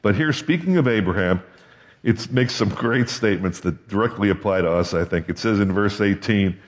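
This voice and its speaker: At a normal speed and a fairly low pitch, this pastor delivers his sermon like a conversation, pausing often to check in with the congregation through questions. The recording has long hall reverb.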